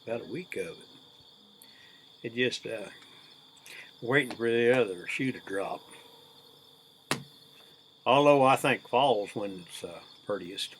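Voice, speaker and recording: Slow-drawling folksy man, crickets behind. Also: mid-range voice. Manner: folksy, unhurried cowboy drawl. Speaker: video host. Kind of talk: casual rambling chat to viewers. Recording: steady background noise with chirping crickets.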